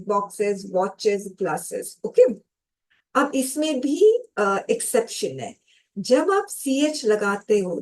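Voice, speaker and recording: A woman's voice: medium pitch, darkish tone. A woman teaching English grammar in a lesson. She explains step by step, calls her viewers students, and answers her own questions.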